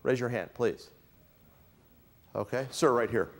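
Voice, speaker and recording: A man's voice: mid-range voice, measured pace, background noise. A middle-aged man giving a keynote speech at a conference, joking with the audience and asking for a show of hands. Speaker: keynote speaker. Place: conference hall with a live audience.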